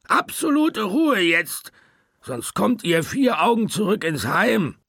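A man's voice: sits high, little pitch movement, extremely slow, bright, forceful tone, no echo, clean studio sound, voice pushed up, full character voice. A man voicing an old, lazy but tough male animal who growls curtly in an audiobook. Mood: stern. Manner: growling, curt. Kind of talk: audiobook character voice.

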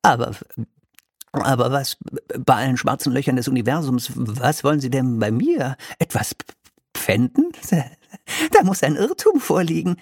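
A man's voice: mid-range voice, sing-song, moderate pace, no room sound, studio quality, voice pushed up. A man reading an audiobook, voicing a nervous, blustering male wizard who stammers when flustered.

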